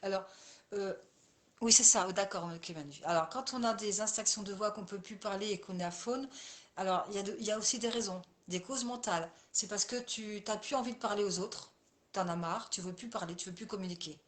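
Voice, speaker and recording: Talking fairly quickly in a mid-range voice, a female coach and therapist keeps things casual with her live-session viewers. She calls them by name and tends to repeat the same phrases.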